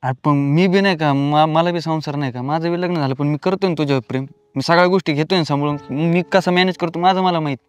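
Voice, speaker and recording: An actor playing an irritable, two-timing husband who answers defensively and snaps back. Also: male voice, fairly high pitch, fast, hardly any pauses, no echo, faint music behind, close to an everyday voice. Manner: defensive, snapping, short-tempered. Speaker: cheating husband. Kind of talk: comedy film acting.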